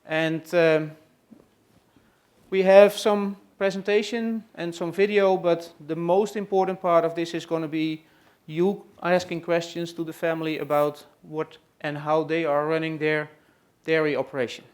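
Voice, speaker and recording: Hosting a farm tour session at a trade expo, a Dutch-accented man from the Netherlands introduces a family to a live audience. He speaks a little slowly in a fairly high voice with fairly even intonation, hesitating frequently and filling gaps with "uh" and "let's say."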